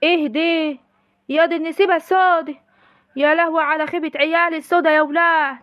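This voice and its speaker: امرأة تؤدي دور حماة ريفية مولولة بلهجة ريفية مصرية، صوتها مرتفع وسريع وتندب بمبالغة كوميدية. الصوت جاف بلا صدى. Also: female voice, very high voice, fairly even intonation, quick pace, a bit bright, no room sound, clean studio sound. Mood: wailing. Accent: rural Egyptian. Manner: wailing, lamenting, melodramatic. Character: loud wailing rural mother of the grooms. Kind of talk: comic village sketch.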